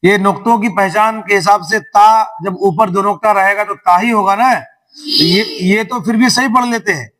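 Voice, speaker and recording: High-voiced man drilling a reading lesson. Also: a bit bright, poor audio. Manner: repetitive call-and-response drilling; drawn-out syllables when modeling letters. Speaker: Quran reading teacher. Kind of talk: classroom lesson.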